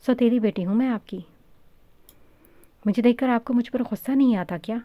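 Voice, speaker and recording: A woman's voice: lowish voice, fairly even intonation, no room sound, phone-quality sound, close to an everyday voice. A woman voicing a defiant, hot-tempered young woman who snaps back angrily. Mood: angry. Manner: sharp, angry retorts.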